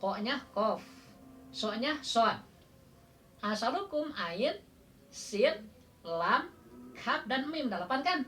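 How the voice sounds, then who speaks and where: Sundanese-accented woman, Quran recitation teacher, crisp clear tone, informal classroom style, asks and laughs. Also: fairly high pitch, sing-song, a bit bright, faint music behind. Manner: quizzes students with questions, chuckles often; counts out drawn-out letters as demonstration.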